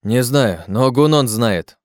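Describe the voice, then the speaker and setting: A man reading an audiobook, voicing a steady male adventurer who leads his group and speaks firmly and tersely. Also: medium pitch, takes it slowly, dry recording, clean studio sound, voice pushed up. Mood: urgent. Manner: firm and terse.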